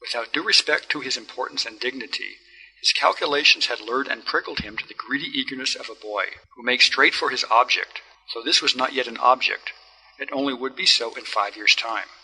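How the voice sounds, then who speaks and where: A man narrating a classic story in the first person, in a measured, wry telling. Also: mid-range voice, bright, forceful tone, slightly rough, rough recording. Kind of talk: storybook reading.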